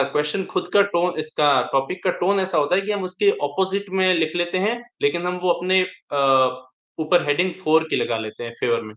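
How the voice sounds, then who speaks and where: Young man, exam topper, explaining step by step; slightly high voice in a reverberant room. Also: fairly bright tone. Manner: explanatory, repeats and restarts while advising. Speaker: exam topper sharing tips. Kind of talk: live online interaction. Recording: echoey room.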